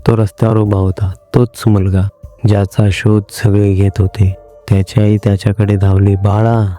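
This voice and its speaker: Dark-voiced male horror storyteller. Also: lowish voice, level tone, faint music behind. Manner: measured, suspenseful. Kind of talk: scripted horror narration.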